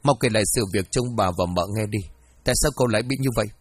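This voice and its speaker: A man's voice: on the low side, rapid-fire, slightly rough. A man voicing a composed young wife who gives firm instructions in a horror story. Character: young wife, calm and commanding.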